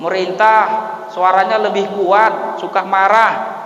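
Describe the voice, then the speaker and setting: A man's voice: sits high, little pitch movement, slow pace, a bit bright. A man preaching an Eid sermon, emphatic and humorous, often tossing rhetorical questions to his listeners. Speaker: Islamic preacher. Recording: echoey hall reverb.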